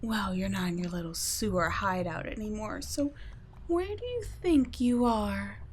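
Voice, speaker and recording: A woman with a medium-pitched, lively voice voices a cool, condescending female vampire scientist in an ASMR audio roleplay, lightly acted and a little slow. Her mocking, patronizing teasing stays soft-spoken and slips into whispered asides, with a little hiss or hum in the background.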